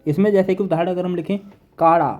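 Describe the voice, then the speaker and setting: The recording is muffled as a man teaches Hindi grammar in an online exam-prep class, his voice high, mellow and expressive at a measured pace. He repeats each point, using "देखिए" and "ठीक है", while writing notes on a board.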